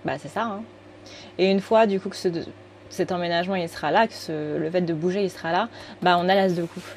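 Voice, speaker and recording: A woman's voice: fairly low pitch, fairly quick, slight background noise. A woman giving a casual, rambling tarot reading, full of fillers and self-corrections. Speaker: tarot card reader.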